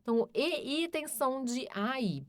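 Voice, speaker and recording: Brazilian lady teacher, patient, goes over every example twice, lively up-and-down voice, dry close mic. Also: high voice, dry recording. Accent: Brazilian Portuguese. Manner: patient, repeats example sentences slowly. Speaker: German teacher. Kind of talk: grammar lesson explanation.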